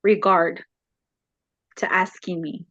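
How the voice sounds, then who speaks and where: A woman as a counseling client, retelling a home conflict haltingly with many fillers, her voice rising when upset. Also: on the low side, flat delivery, fairly bright tone, no echo, lo-fi sound. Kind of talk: emotional retelling in a counseling session.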